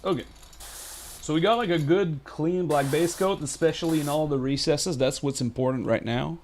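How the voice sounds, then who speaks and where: A man's voice: fairly high pitch, moderate pace, slight background noise. Chatty, rambling man. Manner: rambling, chatty, lots of fillers and restarts; jokey, talks to chat. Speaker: miniature painting streamer. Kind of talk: casual live painting tutorial.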